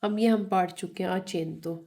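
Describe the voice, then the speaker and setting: A woman's voice: fairly low pitch, fairly even intonation, unhurried, mellow. A woman teaching a beginner Italian lesson, spelling out and repeating words. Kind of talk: slow language lesson.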